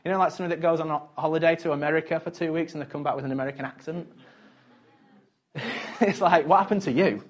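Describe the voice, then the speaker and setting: A man's voice: on the high side, steady tone, quick pace, pauses often. A male pastor preaching a sermon in a conversational, chatty way, with chuckles between his points.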